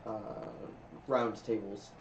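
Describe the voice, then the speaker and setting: A man's voice: lowish voice, fairly even intonation, slow, a little hiss or hum. A man narrating a tabletop game as game master, in a casual, rambling way. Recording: roomy, distant, dull recording.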